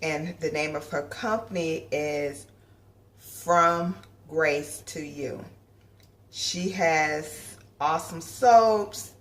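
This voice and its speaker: A woman's voice: low-pitched, very slow, fairly bright tone, slight background noise. A woman soap maker chatting casually in a vlog while she has the hiccups, giggling as she talks. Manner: giggly, speaking between hiccups. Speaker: soap maker reviewing a soap order.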